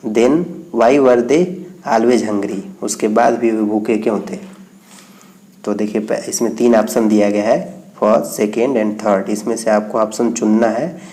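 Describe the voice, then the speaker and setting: A male teacher explaining an English reading exercise, reading the English lines out slowly and then explaining each one. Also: lowish voice, steady tone, warm tone.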